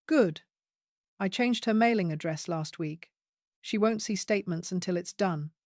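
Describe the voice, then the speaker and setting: A woman voicing a scheming adult daughter-in-law who talks sharp and demanding, rising into shrieks. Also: on the low side, moderate pace, dry recording, clean studio sound, lightly acted. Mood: pleased scheming.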